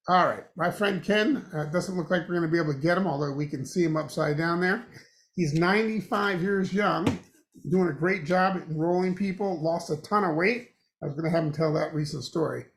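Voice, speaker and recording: A man hosting an online business presentation, upbeat and salesy, laughing easily as he walks through a plan. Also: a little high. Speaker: host presenting a compensation plan. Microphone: video call.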